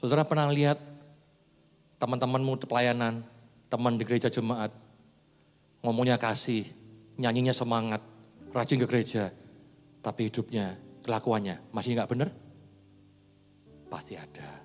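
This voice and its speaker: A man preaching a sermon as a pastor, swinging between loud points and hushed asides. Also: medium pitch, steady tone, normal speed, long pauses. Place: church hall. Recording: reverberant church hall with soft music.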